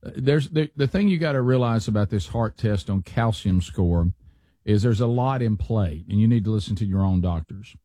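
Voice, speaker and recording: A man's voice: fairly low pitch, lively intonation, normal speed, mellow, dry recording, studio quality. A man, hosting a show with folksy, chatty talk full of fillers and restarts. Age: 60s. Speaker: radio show host. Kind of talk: casual chat.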